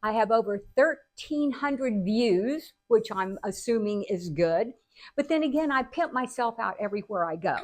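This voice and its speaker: A woman's voice: on the high side, lively intonation, moderate pace. Chatty woman vlogger telling family stories. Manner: chatty, laughs often, earnest. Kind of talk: casual storytelling to camera.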